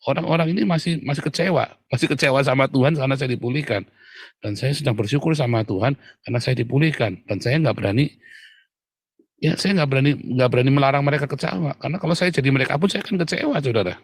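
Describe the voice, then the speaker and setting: A man preaching a sermon in a lively way, often turning to address the congregation directly. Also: mid-range voice, quick pace, husky, dry recording, studio quality. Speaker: pastor.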